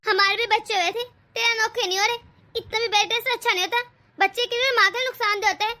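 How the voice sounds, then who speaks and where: A woman's voice: very high voice, steady tone, fast talker, sharp tone. A woman voicing a harsh, sarcastic older mother-in-law in a cartoon story. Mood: scolding. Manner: taunting, sarcastic. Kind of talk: cartoon voice acting.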